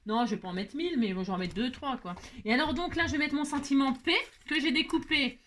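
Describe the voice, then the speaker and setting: A woman's voice: high voice, quick pace, fairly bright tone. A middle-aged woman hosting a craft tutorial, chatting playfully to her viewers as she works. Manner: chatty and playful, talks to viewers, many tag words. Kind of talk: casual craft tutorial talk.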